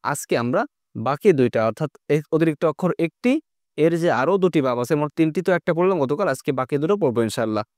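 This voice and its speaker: A man teaches a recorded online class at a brisk clip, his voice sitting a little high. He builds each point step by step and keeps throwing questions at his students. The sound is dry and close, with no room around it. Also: lively intonation, a little mellow, no room sound.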